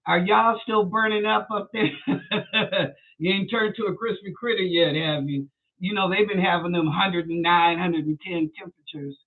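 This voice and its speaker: A woman's voice: fairly low pitch, moderate pace. A woman psychic reader who hosts a live stream, chatting casually and sassily with her viewers and calling them y'all. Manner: chatty and sassy, addresses the audience as y'all. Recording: tinny phone-like sound.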